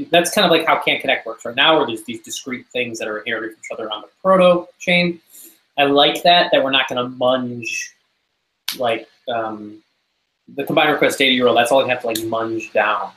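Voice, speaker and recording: A man in an online meeting questioning a software design, thinking aloud with many restarts. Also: medium pitch, moderate pace, echoey room, slight background noise, rough recording. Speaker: developer in meeting. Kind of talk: technical discussion in a meeting.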